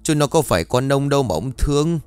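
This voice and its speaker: A wailing older village mother, her cries pitched high and swinging wide, as a male narrator puts her on in an audio storybook. Her pleas are close and dry, with faint music underneath. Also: lively intonation, quick pace, a little mellow, clean tone, dry recording, close to an everyday voice. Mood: tearful.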